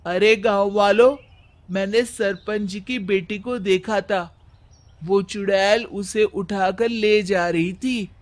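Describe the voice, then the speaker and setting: Man playing an emphatic, high-voiced village brother. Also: steady tone, slow pace. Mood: alarmed. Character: determined young village brother raising witch alarm.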